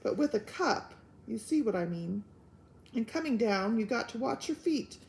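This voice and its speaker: A woman voicing a gentle, homely little old man with rustic country grammar. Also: on the high side, animated, normal speed, vocal fry, slight background noise, low-quality recording. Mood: explaining.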